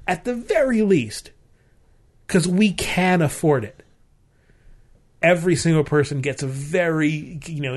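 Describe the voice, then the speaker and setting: A man co-hosting a show, giving his opinions in casual chat and repeating phrases for emphasis. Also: fairly high pitch. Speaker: podcast co-host.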